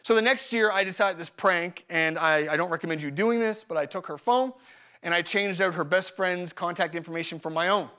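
A man with a high, bright-sounding voice preaches at a live church service. He talks with energy and humor, repeating his main lines so they stick. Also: a little fast. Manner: energetic, joking, repeats key phrases. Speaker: pastor. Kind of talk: live sermon with personal stories.

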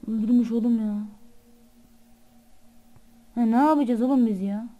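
A woman's voice: on the high side, moderate pace, highs cut off. A woman hosting a channel, giving frightened, pleading let's-play commentary on a horror game and swearing often. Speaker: gamer and channel host.

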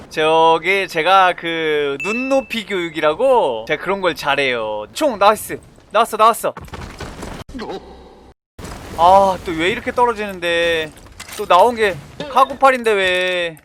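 A man streaming a battle game, chatting casually with viewers in a playful, boastful, teasing way and breaking into sudden shouts. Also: high voice, expressive, takes it slowly, slight background noise. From Korea. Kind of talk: casual gameplay commentary.

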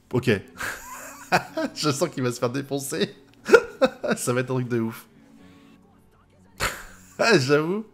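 A man from France reacts live to an anime episode, his voice swinging wildly between low mutters and high outbursts. He swears freely and keeps bursting out laughing. Faint music from the show plays underneath. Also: lively intonation, slow, long pauses.

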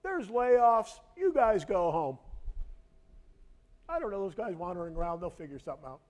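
A pastor voicing God as an offhand boss who is dismissively sending everyone home. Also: male voice, sits high, very animated, moderate pace, a little mellow, pitched above the performer's own voice. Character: God as a shrugging boss announcing layoffs.

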